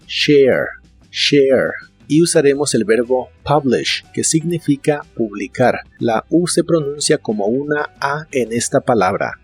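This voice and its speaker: A man of middle pitch narrates a scripted language lesson in a calm, steady teaching voice. He says each practice word slowly and clearly, twice over. A faint bed of music plays behind him. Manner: slow, carefully enunciated word repetitions. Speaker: English teacher.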